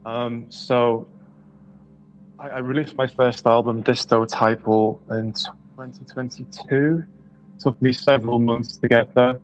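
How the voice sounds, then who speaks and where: A man's voice: medium pitch, level tone, unhurried. A British man from the United Kingdom answering interview questions thoughtfully, with many hesitations, over a remote call. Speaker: guest musician. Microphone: remote call audio. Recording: dull lo-fi online call audio.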